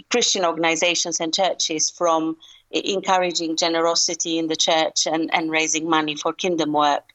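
Guest consultant from Albania, woman in her forties, low voice, measured and earnest. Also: a bit bright, poor audio. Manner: earnest, measured, frequent restarts. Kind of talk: radio interview.

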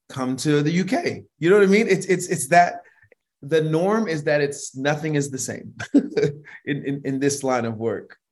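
As an interview guest, a middle-aged worship leader and vocal producer with a high voice recounts stories in a relaxed, conversational style. He's animated and laughs frequently, often restarting his sentences and adding "you know what I mean."

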